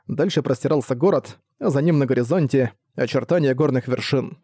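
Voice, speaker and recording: Man reading in a dark, dry voice. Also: mid-range voice, fairly quick, slightly rough, dry recording. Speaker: audiobook narrator. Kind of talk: reading a first-person novel.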